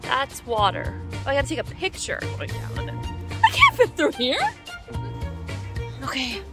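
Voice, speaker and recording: Brief: excitable thirties woman, handheld phone vlog, high-ish voice, music underneath. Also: measured pace. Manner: bubbly, playful, excited. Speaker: vlogger. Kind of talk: casual vlog. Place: outdoors and in a car. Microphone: handheld phone camera.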